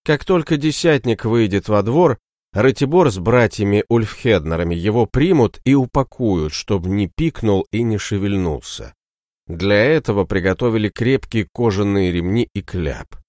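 A man narrates an audiobook in a steady storytelling manner. His voice is low and close, in a dry, dead-sounding room. His pitch moves a lot as he reads. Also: no room sound.

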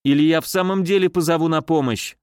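A man's voice: fairly high pitch, quick pace, a little mellow, clear, resonant tone, no echo, studio quality, close to an everyday voice. A man voicing a mannered, easily frightened female nurse in an audiobook. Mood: shaken, angry. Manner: mannered, fussy, shrieking when afraid.

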